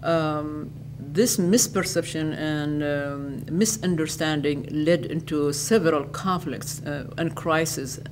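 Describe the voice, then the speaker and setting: An older woman from Iraq, an educator giving interview answers in a lecture hall, speaking in a measured way and restating her phrases. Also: low-pitched, background noise.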